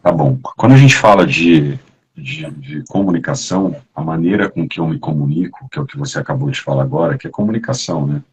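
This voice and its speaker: A man talks as a guest in a relaxed, chatty way, often dropping casual fillers. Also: extremely low pitch, brisk, slightly rough, rough recording. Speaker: guest actor. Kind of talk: casual conversation.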